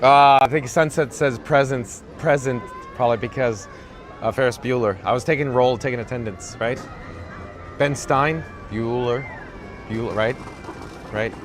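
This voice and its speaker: At a moderate pace and medium pitch, a raspy-voiced streamer reads his chat aloud, dry and self-mocking, never leaving a monotone. He is outdoors on a parade route holding his camera rig, which picks up his voice along with the crowd and music around him.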